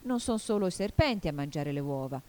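A woman's voice: deep voice, sing-song, fairly quick, warm tone. A woman voicing an earnest young girl in a storybook reading, exclaiming and protesting. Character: puzzled, earnest young girl in a fantasy world.

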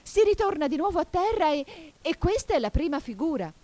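The Mock Turtle, as a woman reader puts it on, a weepy, mournful sea creature with a much higher, strained voice than her own and a strange, altered tone. It swings between tearful sighs and shrill excitement in an audiobook telling. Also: normal speed, no echo. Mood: excited. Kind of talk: audiobook character voice.

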